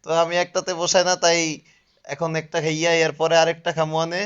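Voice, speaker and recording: Brief: male vlogger with a Barishal dialect, quick and chatty, jokey aside-heavy delivery, somewhat high voice, dull lo-fi recording. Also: level tone, a bit bright. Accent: Barishal dialect of Bengali. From Barishal, Bangladesh. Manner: joking, chatty, often asks listeners if they understand. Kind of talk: casual travel vlog narration. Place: outdoor resort with swimming pool.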